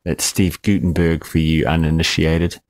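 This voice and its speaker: A man's voice: extremely low pitch, flat delivery, normal speed, a little mellow, no room sound, studio quality. A man co-hosting a film review podcast, joking and rambling in casual banter, with fillers and swearing.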